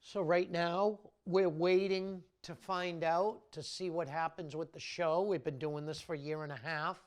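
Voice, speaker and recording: A man who works as a charter fishing captain, talking casually in a documentary interview. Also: fairly high pitch.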